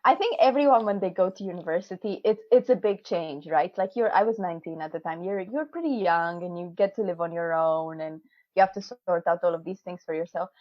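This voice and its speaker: Her voice is lowish and a little fast as she chats, laughing often, in a video call interview. She's a PhD student in her twenties who speaks English as a second language, and she uses many fillers and restarts. The recording is dull, dry video call sound with no room tone.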